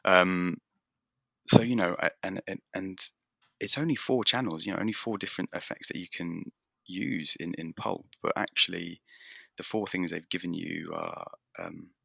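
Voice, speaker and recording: A man's voice: deep voice, steady tone, normal speed, vocal fry, pushed and bright, no echo, clean studio sound. A man talking as a podcast guest about making his game, rambling and self-deprecating with lots of restarts. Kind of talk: casual conversation.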